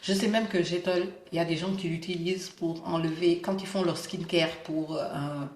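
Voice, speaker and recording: Her pitch sits fairly low and her intonation stays fairly even as this Senegalese beauty vlogger talks at a normal pace, her tone slightly mellow. She addresses the camera casually yet emphatically, slurring her s through a lisp and tossing in English interjections. Sound bounces around an echoing indoor room.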